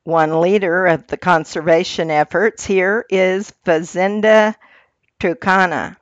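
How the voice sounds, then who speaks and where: A woman reading scripted narration in a measured, articulate nature documentary manner. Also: lowish voice, fairly even intonation, no room sound, highs cut off.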